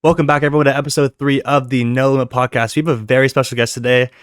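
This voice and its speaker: A man's voice: medium pitch, little pitch movement, very fast, over loud music. A man hosting a podcast interview, enthusiastic and casual, with loose filler-heavy phrasing. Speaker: podcast host.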